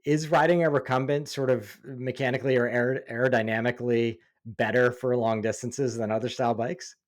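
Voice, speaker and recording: A man hosting a podcast, chatting in a relaxed, friendly and curious way with his guest. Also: medium pitch, a little fast. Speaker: podcast host. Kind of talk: casual podcast interview and read ad.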